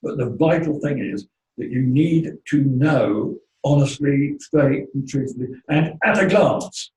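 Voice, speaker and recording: A man's voice: mid-range voice, animated, a little slow, a little mellow. A man in his eighties speaking as a panelist in a panel discussion in a plain-spoken, emphatic way, recorded from a distant mic in a roomy hall with faint noise. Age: 80s.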